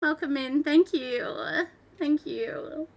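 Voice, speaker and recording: A woman's voice: sits high, slow, darkish tone. A young Australian woman chatting on a live stream, rambling and swearing, laughing often and close to tears. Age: young adult. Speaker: livestreamer. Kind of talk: casual live stream chat. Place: downstairs room at home.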